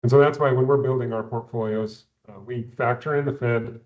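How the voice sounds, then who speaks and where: A man, an investment adviser, explaining economics in a measured way, often repeating words at the start of phrases, heard over a video call. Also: mid-range voice, steady tone, phone-quality sound. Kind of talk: explaining economics in a recorded company Q&A.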